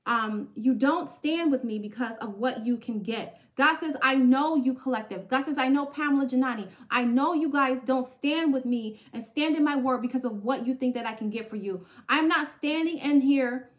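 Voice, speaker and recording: A woman's voice: high-pitched, moderate pace, few pauses. A woman hosting a podcast, giving an emphatic spiritual pep talk full of repeated phrases and a questioning "okay?" after each point. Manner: emphatic, repetitive, punctuates with "okay?". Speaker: podcast host.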